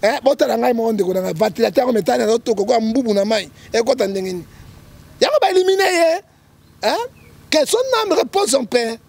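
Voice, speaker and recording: Male prophet guest, Congolese accent, emphatic commentary; gravelly, husky tone. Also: extremely high pitch, lively intonation, fairly quick, a little mellow. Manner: emphatic, keeps checking with "hein?", quotes scripture. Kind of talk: political commentary in an interview.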